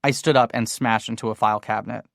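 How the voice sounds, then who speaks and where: A man narrating an audiobook in the first person, with even, steady storytelling. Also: medium pitch, fast, no room sound, clean studio sound.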